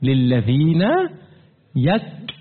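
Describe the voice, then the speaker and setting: A teacher of Quran commentary gives a classroom-style religious lesson, putting questions to his listeners and repeating them. His pitch swings up and down, and he slows to stress key words. The recording is tinny and lo-fi, like a phone.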